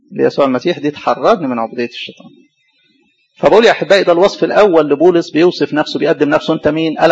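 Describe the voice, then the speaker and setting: A man with an Egyptian Arabic accent preaches at a rapid clip, firing rhetorical questions and answering them himself. His voice is husky and sits a little high for a man. The recording is dull and lo-fi. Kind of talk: sermon.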